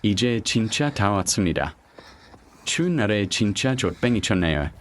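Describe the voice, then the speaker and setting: A man narrates a vlog in a scripted, slangy style. His voice sits a little low but moves with lively intonation, over faint outdoor noise. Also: normal speed.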